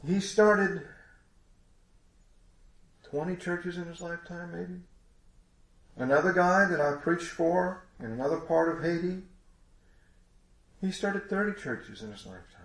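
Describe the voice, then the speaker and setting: A man's voice: a little high, a bit bright, echoey room. A congested man preaching a sermon in a folksy, rambling way with many restarts.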